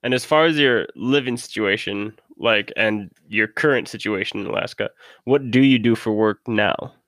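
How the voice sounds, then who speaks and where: A man's voice: lowish voice, normal speed, a bit bright, dry recording, clean studio sound. A man from Minnesota hosting a casual interview, asking questions in a laid-back way. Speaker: host.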